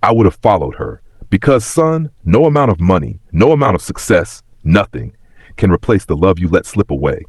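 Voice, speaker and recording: A man voicing a wistful, regretful very old man of ninety who tells of his past in a reflective, plain-spoken, husky voice in a story. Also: sits low, big pitch swings, moderate pace, no room sound, clean studio sound, full character voice. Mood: wistful, earnest. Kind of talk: scripted story reading.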